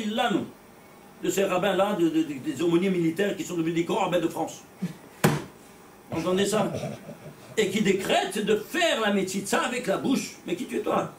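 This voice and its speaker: A man teaching a religious class, animated and blunt, firing rhetorical questions at his students and repeating words as he goes. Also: high voice, slight background noise. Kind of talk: lively religious lecture to a small class. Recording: echoey room, voice from far off.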